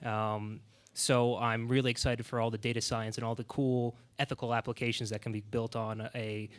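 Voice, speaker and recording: A man, a tech co-founder, introducing himself on a conference panel in a lively way. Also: medium pitch, moderate pace, clean tone.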